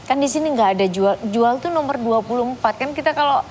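Chatty woman in her fifties, slightly high. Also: a little fast, a little hiss or hum. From East Java, Indonesia. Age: 50s. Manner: chatty, animated, laughs often. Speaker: guest singer. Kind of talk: casual talk show chat. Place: TV studio set.

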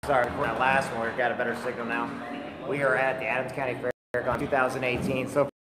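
A man's voice: medium pitch, level tone, quick pace. A man giving a chatty, promotional live walkaround at a county fair. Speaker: vlogger doing a live feed. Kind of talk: casual live walkaround commentary. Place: large fair barn with crowd, outdoors and indoors. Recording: echoey, reverberant with loud crowd noise. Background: loud fair crowd.

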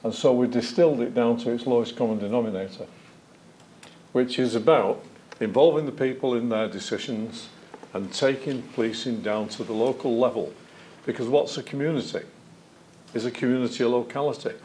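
In poor audio, a former police chief, an older man, relates anecdotes at a witness evidence session, sitting at a desk in a lecture theatre. His mid-range voice moves a little fast, and his hands stay animated as he talks.

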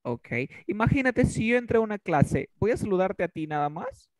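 A man's voice: sits high, animated, moderate pace, no echo. A man teaching an online English class in Spanish, drilling students with repeated questions. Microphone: video call.

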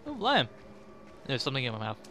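Bright-voiced man narrating gameplay. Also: medium pitch, huge pitch swings, quick pace, faint music behind. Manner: laughs often, mock-exasperated asides. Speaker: let's play gamer. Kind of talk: casual gameplay commentary.

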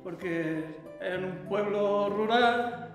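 Halting older man, echoey room. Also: high-pitched, faint music behind. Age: 70s. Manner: halting, with many fillers. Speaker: interviewee, farmer. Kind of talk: reminiscing interview. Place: room at home. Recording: echoey room with long reverb.

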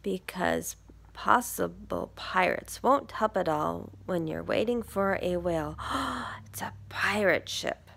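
A woman with a lowish voice reads a picture book slowly to young children, teacher-style, with plenty of expression. She asks them questions and drops into quiet, breathy asides.

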